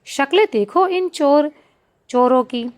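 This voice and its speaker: A woman voicing a mocking young palace maid with a high, taunting voice. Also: lively intonation, takes it slowly, dull audio.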